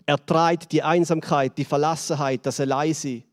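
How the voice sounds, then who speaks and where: A man with a Swiss German accent preaching a sermon, building dramatically and then dropping to hushed lines. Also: fairly even intonation, normal speed, long reverb tail. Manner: dramatic, swells and drops in pitch and volume. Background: band playing softly.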